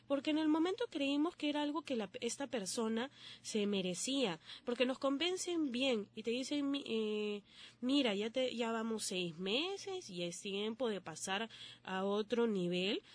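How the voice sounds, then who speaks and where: A young Peruvian woman with a slightly high voice, chatting straight to her viewers about relationships. She talks in a lively, casual way and keeps firing rhetorical questions, sprinkled with local slang. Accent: Peruvian Spanish. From Peru. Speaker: relationship advice vlogger. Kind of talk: casual advice talk to viewers.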